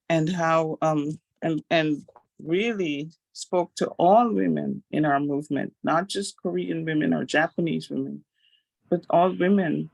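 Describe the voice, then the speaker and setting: A slow, gravelly-voiced woman from Guyana sharing a devotional reflection. She speaks haltingly, with frequent pauses, and her voice sits close and dry on a video call. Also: deep voice, a little mellow, no room sound. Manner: halting, with many pauses and fillers.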